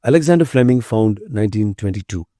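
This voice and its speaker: Speaking fast and animatedly in a dark, lowish voice, this Tamil-speaking biotech CEO from India, middle-aged, is a guest in a conversational interview about his company. His delivery is earnest and emphatic, captured at studio quality without echo.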